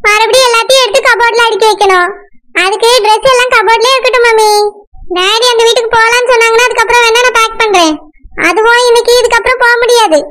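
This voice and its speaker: A woman's voice: extremely high pitch, steady tone, quick pace, fairly bright tone. A woman voicing a spoiled, stubborn young married daughter in a cartoon, with a whiny, complaining manner and a Tirunelveli Tamil accent. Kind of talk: cartoon voice acting.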